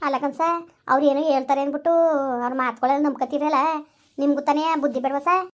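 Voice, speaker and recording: A fiery village wife argues back and hurls curses at her husband, played by a woman. Her voice is high and shrill, and her words come out at a furious pace. It is a rural comedy sketch. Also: steady tone, quick pace, natural voice. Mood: defiant. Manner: argumentative, shrill, cursing. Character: fiery village wife, quick-tongued and cursing.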